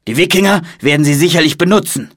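A man's voice: fairly high pitch, fast, a bit bright, no room sound, studio quality, pitched above the performer's own voice. A man voicing an earnest, commanding monk leader in an audiobook story. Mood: urgent.

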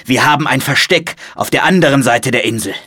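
A man's voice: mid-range voice, fairly quick, pushed and bright, husky, dry recording, studio quality, voice pushed up. A man doing an urgent head monk. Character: earnest man, leader of the monks, urgent. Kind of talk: audiobook storytelling.

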